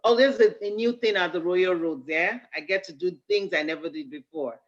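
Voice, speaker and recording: A woman's voice: on the low side, moderate pace, lo-fi sound. A woman giving a bubbly, enthusiastic toast on a video call, laughing as she talks.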